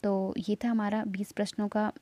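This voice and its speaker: A woman's voice: medium pitch, level tone, moderate pace, mellow, dry recording. A woman teaching an online exam-prep lesson, patiently explaining each answer step by step and checking in with tag questions.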